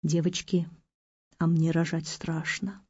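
A woman's voice: lowish voice, a little fast, no echo, lo-fi sound, natural voice. A woman voicing a plaintive young pregnant woman. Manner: plaintive and soft. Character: young pregnant woman, simple-hearted and nosy.

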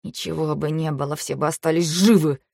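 A woman voicing a mocking, panicky young nobleman who swings from sneers to shrill outbursts, in a storybook reading. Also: a little slow, no echo, clean studio sound, close to an everyday voice. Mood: feverish.

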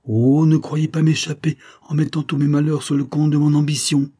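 A man's voice: fairly high pitch, little pitch movement, moderate pace, mellow, slightly rough, voice pushed up. A man reading an audiobook, voicing a bitter old former prisoner who urges and accuses with sombre energy. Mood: insistent. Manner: insistent, sombre and urgent.

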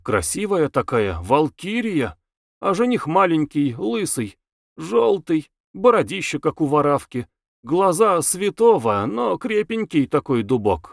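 Man doing a chatty young woman, gushing and exclaiming, raised pitch, very lively, dry close sound. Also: no echo. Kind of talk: audiobook character voice.

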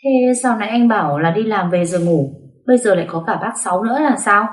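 A woman's voice: mid-range voice, fast talker, pitched above the performer's own voice, natural voice. A woman voicing a timid young woman of about twenty who speaks hesitantly. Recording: roomy echo.

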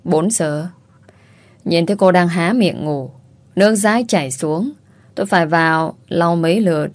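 A woman's voice: on the low side, normal speed, natural voice. A woman voicing a crude, curt young man who mocks and teases. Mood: teasing. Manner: curt, mocking.

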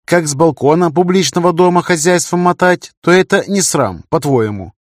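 A man voicing a sleepy, teasing, sharp-tongued young woman in an audiobook. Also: a little high, normal speed, no room sound, studio quality, voice pushed up, close to an everyday voice.

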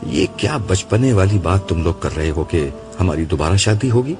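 A man's voice: deep voice, lively intonation. A man voicing a spirited, affectionate young wife who speaks in an earnest, pleading way, with music behind. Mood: scolding.

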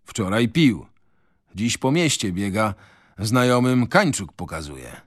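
Man doing gossipy townsman, brisk, matter-of-fact, close dry sound. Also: on the low side, sing-song, dry recording, exaggerated voice. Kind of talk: radio reading of a novel.

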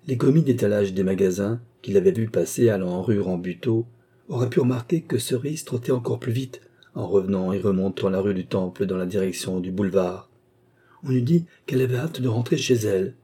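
A middle-aged man reading an audiobook as narrator, in a measured, steady way. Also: fairly low pitch, slightly rough. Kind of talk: scripted narration.

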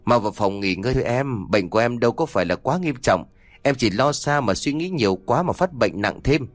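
A coaxing husband soothing his ill wife, calm and reassuring, as a male narrator voices him. The sound is dry and close. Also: mid-range voice, fairly quick, dry recording, natural voice.

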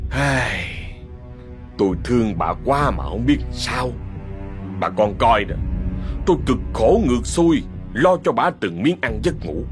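A man voicing a falsely pious husband with a Southern Vietnamese accent who speaks softly and chillingly, in a storybook ghost tale. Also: medium pitch. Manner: soft-spoken, chillingly gentle.

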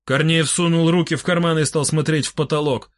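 Man narrating a story aloud, kinda high voice, dry deadpan-ish, no room echo. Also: a little fast. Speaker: audiobook narrator. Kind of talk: first-person audiobook narration.

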